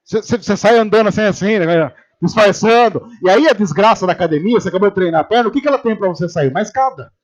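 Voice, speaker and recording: A pastor from Brazil giving a humorous sermon in church, telling stories and acting out the voices of the people in them. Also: male voice, sits high, fast, hardly any pauses, muffled recording. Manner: animated storytelling, acting out quoted voices.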